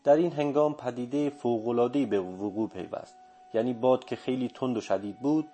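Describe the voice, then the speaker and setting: A man reading a first-person story aloud in a steady, measured narration. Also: medium pitch. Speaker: audiobook narrator. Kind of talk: scripted literary narration. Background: faint music.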